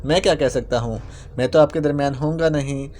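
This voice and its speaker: A man's voice: fairly high pitch, darkish tone, slight background noise, natural voice. A man voicing a playful young male spy who talks in a mock-pitiful, whining way. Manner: whiny, mock-pitiful clowning.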